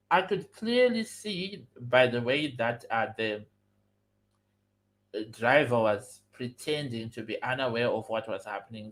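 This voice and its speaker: A young man telling a personal story on a livestream, animated and acting out dialogue. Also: fairly low pitch, poor audio. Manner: animated, acts out quoted dialogue. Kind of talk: casual storytime.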